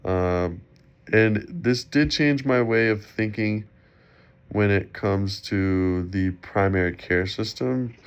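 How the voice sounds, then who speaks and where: A young man who sounds slightly sick and muffled, giving an informal, halting student presentation for a class. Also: lowish voice, clean tone. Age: young adult. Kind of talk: informal spoken presentation for a class discussion post. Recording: dull, lo-fi sound.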